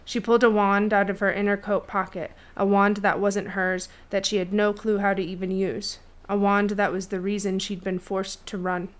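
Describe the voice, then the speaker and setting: A woman narrating a fantasy novel chapter in a steady storytelling read. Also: medium pitch, normal speed, hardly any pauses. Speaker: audiobook narrator. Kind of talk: scripted fiction narration.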